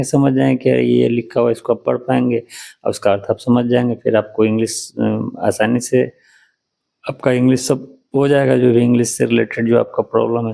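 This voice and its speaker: A man's voice: mid-range voice, vocal fry, dark tone. A man, teaching English reading in a patient, repetitive, step-by-step way. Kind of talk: explaining a lesson.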